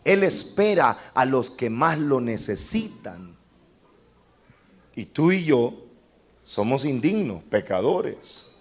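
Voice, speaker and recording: Animated preacher, big pitch swings. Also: male voice, takes it slowly, long pauses, slightly rough. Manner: impassioned, with sudden leaps to high cries and humorous asides; addresses the congregation directly as brother. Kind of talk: sermon.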